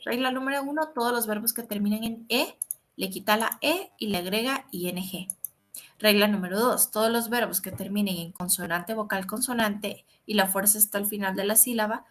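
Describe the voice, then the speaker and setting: A woman's voice: a little high, sharp tone. A woman English teacher patiently explaining grammar rules in a recorded lesson, spelling out letters and repeating examples.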